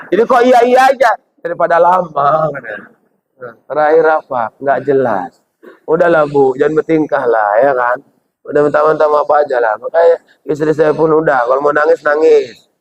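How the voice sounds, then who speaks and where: Male preacher with a Medan Indonesian accent, playful and jokey, voice sitting a bit high, muffled lo-fi recording. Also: normal speed. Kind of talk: humorous sermon. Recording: dull lo-fi recording.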